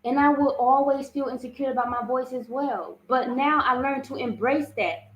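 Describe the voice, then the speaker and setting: With a high-pitched, strong and big voice, a woman hosts a live-streamed spiritual self-love talk at normal speed. Earnestly, she keeps asking "you understand?" The sound is roomy and lo-fi, with slight background noise.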